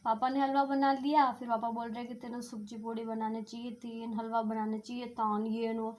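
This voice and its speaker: A woman's voice: fairly high pitch, little pitch movement, fairly quick, a little mellow. A young woman from India with a Rajasthani Hindi accent, chatting to her viewers in a casual village vlog and rambling through everyday stories. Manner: chatty, rambling storytelling to camera. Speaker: village vlogger. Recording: noisy phone recording.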